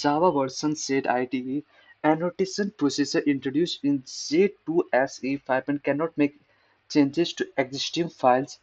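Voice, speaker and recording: A man talks through a coding article in a loose, rambling way, often stopping to repeat a word until he says it right. He pokes fun at himself as he goes. The recording is dull and lo-fi. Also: medium pitch. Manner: rambling, self-mocking, repeats words to practice pronunciation. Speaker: programmer reading a tech post. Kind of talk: casual screen-recorded coding talk.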